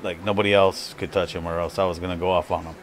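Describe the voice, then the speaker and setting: An American video host and streamer casually tells a story on a live stream, swearing freely and crudely. His voice is low-pitched and level at a quick pace, over a clearly noisy background.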